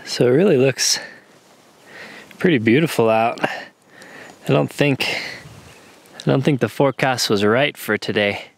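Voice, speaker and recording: A man in his thirties talks casually while camping outdoors. His voice sits at an ordinary middle pitch, and he explains things in an unhurried, easygoing way. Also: gravelly, no echo. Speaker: camping vlogger. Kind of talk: casual camping vlog narration. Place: outdoors at a mountain campsite.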